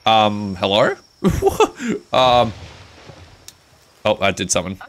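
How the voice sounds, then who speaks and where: Young male streamer, very animated pitch, laughs a lot, swears, blurts out loud yelps. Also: slow. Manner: laughs often, swears, sudden loud exclamations. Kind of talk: casual gaming chat.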